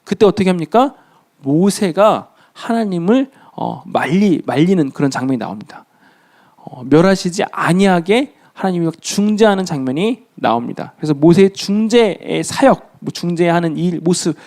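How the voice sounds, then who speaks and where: A man preaching a sermon to a youth group, speaking lively and often addressing his listeners and acting out short dialogues. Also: fairly high pitch, moderate pace. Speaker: youth pastor.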